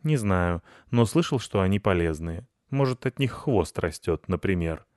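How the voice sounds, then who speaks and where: A man voicing a calm, bossy grey tomcat who speaks in a firm, matter-of-fact way. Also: sits low, moderate pace, no room sound, studio quality.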